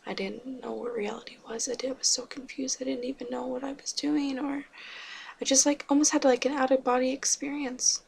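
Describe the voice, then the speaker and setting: Halting, gravelly-voiced woman vlogging. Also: high-pitched, little pitch movement, darkish tone, slight background noise. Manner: halting, many fillers and restarts, subdued. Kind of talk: personal confessional vlog.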